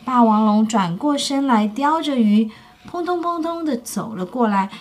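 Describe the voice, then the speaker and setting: A woman reading a picture book aloud to children in an expressive way, stopping to ask her listeners questions. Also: a little high, moderate pace. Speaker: storyteller.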